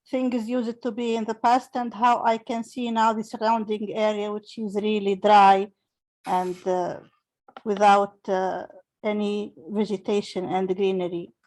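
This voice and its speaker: A woman in her fifties from Tunisia, an English teacher speaking slowly and earnestly on a video call, with many hesitations. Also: mid-range voice, a little mellow, poor audio. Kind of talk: casual talk on a video call.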